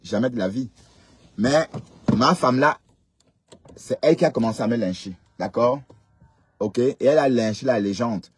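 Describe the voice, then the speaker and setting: Husky-voiced man hosting a live stream. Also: mid-range voice, moderate pace, pauses often. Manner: chatty, scolding, addresses commenters directly. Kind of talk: casual live stream talk.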